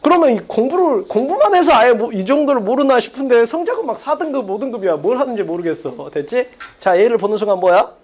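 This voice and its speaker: A woman lecturer with a fairly high voice runs an online exam-prep class. She talks briskly and drills her points, firing off short check-questions. She slips into casual, chatty asides between points. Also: animated, a little mellow.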